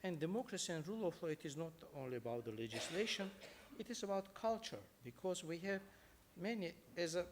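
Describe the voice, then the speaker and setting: A man with an Armenian accent giving an earnest, somewhat halting speech as a judge moderating a conference panel. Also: sits high, expressive, background noise. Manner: earnest, halting non-native phrasing.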